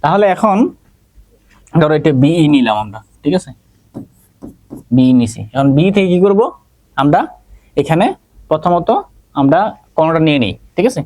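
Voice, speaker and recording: A man with a Bangladeshi Bengali accent teaches an online geometry class, calling on students by name. His voice is fairly high and darkish, with lively intonation, a normal speed and frequent pauses, recorded with no room sound. He keeps checking in with "ঠিক আছে?" and poses questions that he then answers himself.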